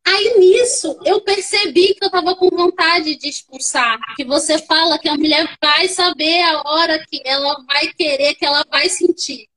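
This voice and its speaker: A young woman with a Brazilian Portuguese accent, a podcast guest telling her own story in a casual, animated way and acting out the voices of others. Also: high voice, normal speed, hardly any pauses, low-quality recording.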